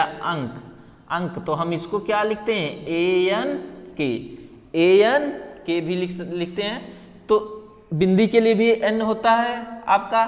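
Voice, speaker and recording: A man teaches a classroom lesson and keeps asking his students the same question, then answers it himself. His voice sits fairly high for a man and he speaks slowly. The room has a long, hall-like reverb. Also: fairly bright tone. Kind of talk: classroom lesson on English letter sounds.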